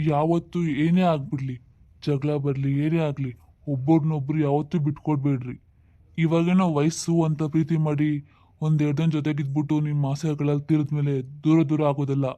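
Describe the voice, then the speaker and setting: A man's voice: a little high, dark tone, natural voice. A man playing a stern, lecturing police officer. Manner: lecturing, fatherly advice. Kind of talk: comedy skit acting.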